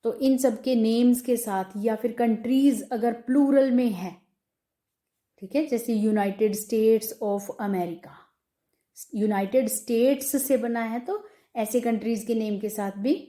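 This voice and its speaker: A woman teacher with an Indian accent explaining English grammar step by step, reading rules aloud slowly. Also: fairly high pitch, fairly even intonation, mellow, roomy sound. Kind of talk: classroom grammar lesson.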